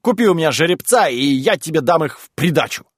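A man voicing a boisterous, rude male landowner who shouts and bullies in an audiobook reading. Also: a little high, lively intonation, fast, slightly rough, no room sound, studio quality. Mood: blustering. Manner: shouting, blustering, pushy.

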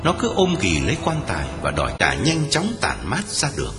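A man's voice: fairly low pitch, fairly quick. Dramatic male horror story narrator. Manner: dramatic, expressive reading. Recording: reverberant with background music.

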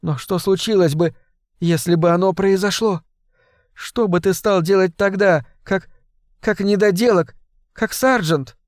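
A man voicing a tearful woman pleading over the phone, her voice chesty and hoarse and broken by sobs. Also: medium pitch, measured pace, a little mellow, no room sound, clean studio sound, pitched above the performer's own voice, lightly acted. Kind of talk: audiobook character voice.

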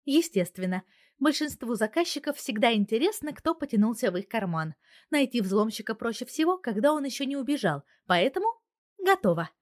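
A sharp-tongued young wife and computer genius, commanding and scolding with a raised, forceful voice, as a woman reader puts her on. It is recorded dry and close, like a storybook reading. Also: fairly high pitch, animated, brisk, no room sound, pitched above the performer's own voice. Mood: brisk.

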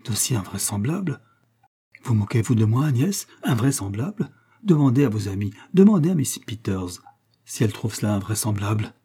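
A man voicing a passionate, heartbroken young suitor who implores with feeling, in a dark husky voice. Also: fairly low pitch, big pitch swings, normal speed. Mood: passionate imploring.

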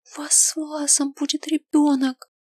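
A woman voicing a caring young best friend who speaks eagerly and often in a hushed whisper. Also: lowish voice, moderate pace, no room sound, studio quality, lightly acted. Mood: excited, hushed.

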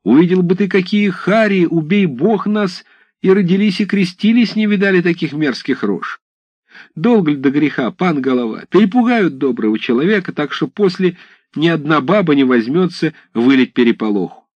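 A man reading an audiobook, voicing frightened village watchmen who plead and shout in a rush. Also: on the low side, very animated, unhurried, no echo, lo-fi sound. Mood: panicked pleading.

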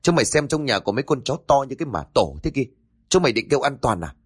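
A man's voice: on the low side, big pitch swings, a little fast, husky, no echo, studio quality, exaggerated voice. A man voicing a hot-tempered male gang leader in a spoken horror story, barking and scornful. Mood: annoyed.

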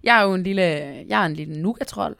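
A woman hosting a children's Christmas podcast. She reads the story aloud in a lively way and often drops to a hushed whisper. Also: mid-range voice, creaky, dry recording, clean studio sound.

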